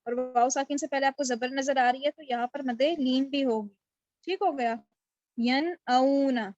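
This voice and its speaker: The audio is dull, and a woman with a high voice and fairly even intonation teaches Quran recitation online over a video call. She patiently explains, puts questions to her students, and praises what they answer.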